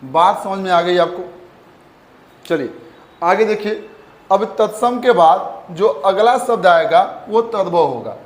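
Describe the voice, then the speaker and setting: A man's voice: high-pitched, animated, slow. A man teaching a Hindi grammar lesson, calling his students "beta" and "bachche" and repeating each key point. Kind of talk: classroom lesson. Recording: echoey room.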